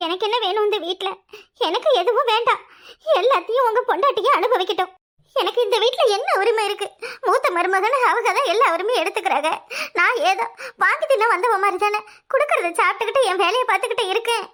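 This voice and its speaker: A woman's voice: very high voice, quick pace, a bit bright. A woman with a southern Tamil village dialect voicing a sly young newlywed who complains in a teary, sing-song way in a cartoon. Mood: self-pitying. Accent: southern Tamil Nadu village dialect. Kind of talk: cartoon voice acting.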